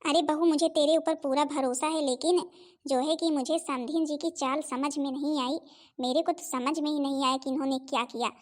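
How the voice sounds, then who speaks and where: A woman's voice: high voice, fairly even intonation, moderate pace, lightly acted. A woman voicing a suspicious older mother-in-law grumbling about a visiting relative in a Hindi cartoon.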